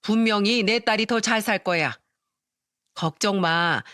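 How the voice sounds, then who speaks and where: A woman playing a hot-tempered, fiercely protective middle-aged mother who speaks bluntly. Her voice is mid-pitched and recorded dry and close, with no room sound. She is part of a narrated family drama. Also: unhurried, fairly bright tone, dry recording, natural voice. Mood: indignant. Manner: indignant and blunt. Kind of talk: scripted audio drama.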